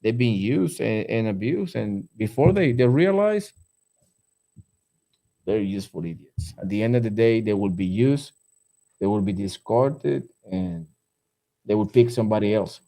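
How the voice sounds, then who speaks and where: A man with a low, mellow voice on a casual podcast. He talks emphatically, doubling up words as he builds his points. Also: big pitch swings, unhurried. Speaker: podcast co-host. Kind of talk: casual political chat.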